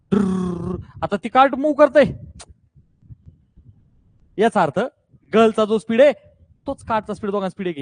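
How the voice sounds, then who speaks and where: Energetic high-voiced male physics teacher. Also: no room sound. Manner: energetic, coaxing, keeps checking students understand. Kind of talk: classroom physics lesson. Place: classroom with students.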